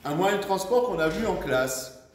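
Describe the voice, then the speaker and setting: A man teaching young children, dictating words slowly syllable by syllable and encouraging them, recorded far from the mic in an echoey room. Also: high voice, expressive, a little hiss or hum. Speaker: primary school teacher. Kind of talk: slow dictation lesson for children.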